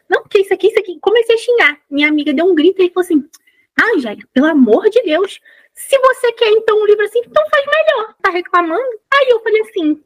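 A woman with a Brazilian accent, a guest author, telling her story in a lively way and acting out what people said. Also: sits high, no room sound, low-quality recording. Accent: Brazilian Portuguese. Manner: lively, acts out her own quotes. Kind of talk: animated storytelling chat.

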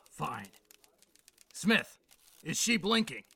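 Gravelly, high-strung old-time police boss. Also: male voice, very animated, very slow, background noise, heavily acted. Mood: brusque. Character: exasperated, sceptical veteran police boss barking orders. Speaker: police commander. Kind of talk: audio drama acting.

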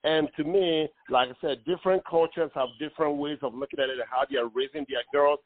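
A man's voice: a little high, steady tone, fairly quick, dry recording. Ghanaian-born man calling in by phone. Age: 40s. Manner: earnest, hesitant with many fillers. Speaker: caller. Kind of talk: call-in radio talk. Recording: tinny phone line.

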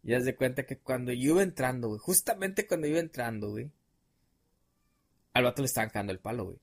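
A man's voice: mid-range voice, expressive, quick pace. A young adult man with a Mexican accent, a podcast guest telling stories in a casual, rambling, slang-heavy way with many fillers. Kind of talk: casual storytelling chat.

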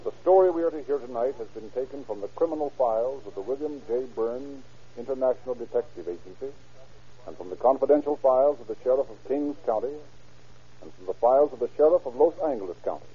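A man announces and narrates a 1930s radio program in a formal, declamatory, scripted style. His medium-pitched voice is animated, fast, mellow and husky, heard through a tinny, band-limited recording from that era.

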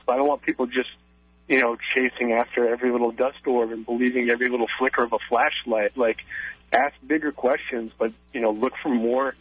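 Over a dull, dry phone line, a man calls a radio show for some casual on-air conversation, full of hesitations and filler words. His voice is medium in pitch, fairly bright, and slightly rough, in a dry recording.

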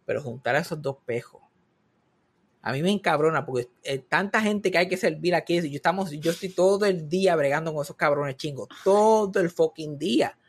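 A man with a Puerto Rican accent tells comic stories with animation in a casual chat, slipping English words into his speech. His voice is fairly high and slightly rough, and he talks a little fast.

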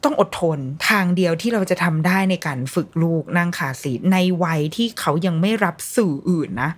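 Woman, 30s, husky lower register, blunt casual storyteller sharing mom advice. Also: expressive, brisk. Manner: blunt, colloquial, acts out quoted voices. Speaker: mother sharing parenting advice.

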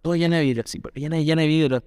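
A man's voice: a little high, steady tone, very fast, darkish tone, smooth, no echo, clean studio sound. A man with a Chilean accent, co-hosting a podcast and telling a school memory in a casual, slangy way, often restarting his sentences. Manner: slangy, hesitant, restarting storyteller. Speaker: podcast co-host. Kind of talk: casual storytelling chat.

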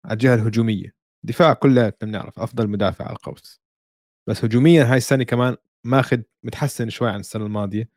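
A man's voice: mid-range voice, racing, darkish tone, no echo, clean studio sound. A man with a Levantine Arabic accent in casual sports talk, speaking emphatically and dropping in English words and slang. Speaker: sports talk show co-host. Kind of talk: casual basketball discussion.

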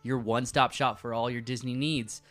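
A man in his twenties with a mid-range voice co-hosts a casual podcast. He sounds friendly and chatty and is quick to agree. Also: mid-range voice, fairly even intonation, fairly bright tone, soft background music. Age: 20s. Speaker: podcast co-host. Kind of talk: casual chat. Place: room in a house.

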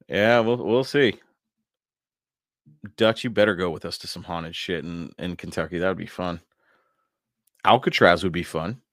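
A man's voice: low-pitched, takes it slowly, pauses often, fairly bright tone, no room sound, clean studio sound. A male podcast host who reads his own written account aloud and then chats casually, wry and sarcastic, laughing often.

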